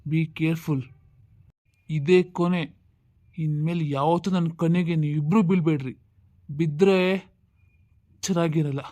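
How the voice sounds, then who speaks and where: A threatening angry older brother. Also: female voice, low voice, fairly even intonation, unhurried, long pauses, dark tone, no echo. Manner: threatening, reproachful. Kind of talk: comedy skit acting.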